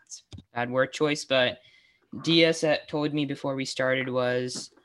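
A woman's voice: a bass voice, fairly even intonation, measured pace. A young woman hosting a casual trivia quiz over a video call, giggly and stumbling over her words. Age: young adult. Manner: giggly, restarts often. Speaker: host running a trivia quiz. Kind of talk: casual online chat.

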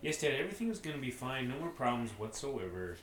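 A man's voice: medium pitch, very animated, quick pace, a bit bright, reverberant. A man reading an anxious young man who seeks approval, sounding timid and apologetic.

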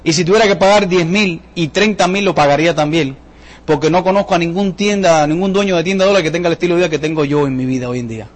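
A man giving a lively motivational sales talk to a live audience, joking and asking the crowd questions. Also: a little high, quick pace. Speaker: business presenter at a sales seminar.

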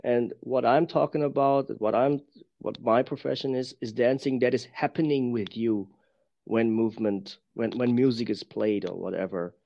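A man who is not a native English speaker, talking reflectively as an interview guest in careful, halting English, searching for words. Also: medium pitch, fairly even intonation, vocal fry. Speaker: interview guest, professional dancer. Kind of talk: reflective conversation. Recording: dull lo-fi sound.

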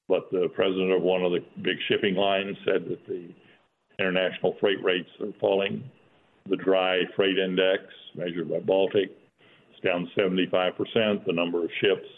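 A man with a low voice and flat intonation speaks as an economics expert in an interview. He is measured and halting, often repeating words, on a slightly muffled recording. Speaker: economist guest.

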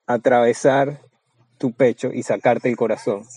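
Man, mid-pitched, seminar voice-over, crude and boastful, dry close sound. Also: fairly even intonation, measured pace, mellow, breathy edge, no echo, low-quality recording. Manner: blunt, crude and boastful, with many restarts. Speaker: seminar speaker. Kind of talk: Spanish voice-over of a seminar talk.

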